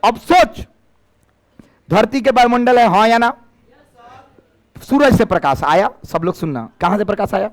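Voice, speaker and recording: A male teacher, giving a lively classroom physics lecture and firing questions at his students. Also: high-pitched, a little slow, long pauses. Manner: lively, questioning students, mixing in Bhojpuri phrases.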